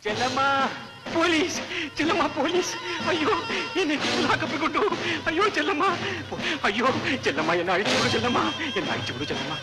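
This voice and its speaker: Brief: frantic tied-up man pleading, high voice, loud music under. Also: big pitch swings, a little fast, low-quality recording. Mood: panicked pleading. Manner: panicked, pleading. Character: frightened captive man begging to be untied. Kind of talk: 1960s Malayalam film acting. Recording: old film soundtrack with loud score.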